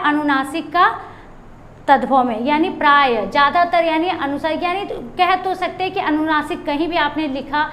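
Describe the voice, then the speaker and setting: High-voiced woman teaching Hindi grammar. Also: fairly bright tone, a little hiss or hum. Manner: repeats key terms, asks and answers own questions. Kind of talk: grammar lesson for exam prep.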